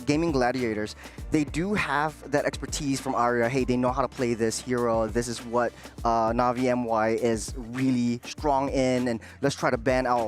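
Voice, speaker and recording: Man analysing esports. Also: mid-range voice. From Singapore. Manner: analytical, many filler sounds.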